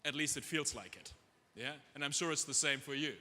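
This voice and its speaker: Speaking fairly fast in a slightly high, bright, forceful voice, a middle-aged executive from Germany who was raised in Dubai delivers a light, humorous stage talk in a big conference hall. He has a German accent and is chatty and self-deprecating, with asides to listeners. The room is echoey, with long reverb.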